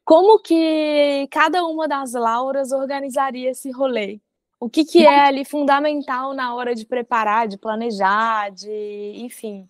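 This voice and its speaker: A woman in her thirties hosting a video-call interview through wired earbuds, curious and quick to laugh. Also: high-pitched, fairly even intonation, no echo. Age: 30s. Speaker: podcast host. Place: living room indoors.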